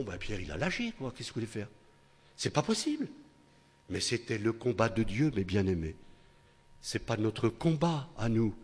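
An older man preaching a sermon with a husky voice, in a chatty style that keeps tossing tag questions to his listeners and restarting phrases. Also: medium pitch, darkish tone. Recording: long hall reverb.

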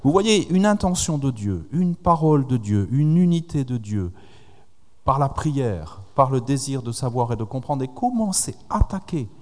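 A man's voice: medium pitch, sing-song, moderate pace. A man preaching a sermon, retelling scripture with quoted dialogue and putting questions to the congregation. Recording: long hall reverb.

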